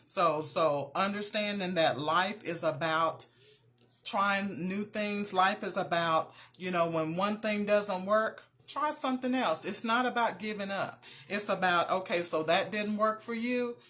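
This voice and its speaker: A woman's voice: medium pitch, measured pace, fairly bright tone. Earnest woman giving an encouraging talk. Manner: earnest, speaks straight to listeners. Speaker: motivational show host. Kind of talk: encouraging faith-based talk.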